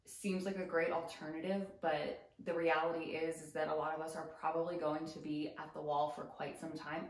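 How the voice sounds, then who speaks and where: A woman yoga instructor giving casual, explanatory commentary with gentle cautions. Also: deep voice, roomy sound, rough recording. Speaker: yoga instructor reacting to videos.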